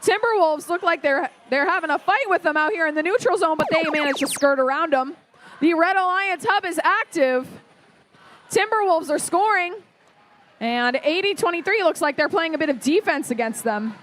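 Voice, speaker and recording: A woman giving live play-by-play commentary at a robotics competition, briskly calling team numbers and plays. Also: very high voice, expressive, a bit bright, a little hiss or hum. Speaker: match announcer. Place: competition arena.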